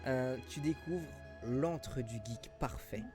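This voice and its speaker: A man's voice: mid-range voice, slow pace, a little mellow, faint music behind. Casual man narrating as game master. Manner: casual, slangy. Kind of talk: improvised tabletop game narration.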